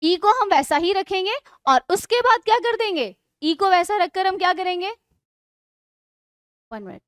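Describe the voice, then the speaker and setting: A woman teacher explaining English spelling rules in an online class, asking questions and answering them herself, and reading the rules out slowly. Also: very high voice, fairly bright tone, dry recording. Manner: explains in Hindi mixed with English, asks and answers own questions.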